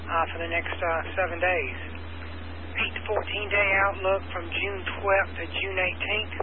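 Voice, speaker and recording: A man checking into an amateur radio net and reading a weather summary in a halting way with many fillers, heard over a static-filled radio transmission. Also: high-pitched. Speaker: net participant giving weather report. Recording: narrow radio audio with heavy static.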